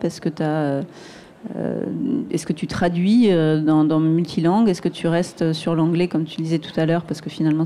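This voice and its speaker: Woman hosting a round table, lowish warm voice, asks long questions. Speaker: moderator.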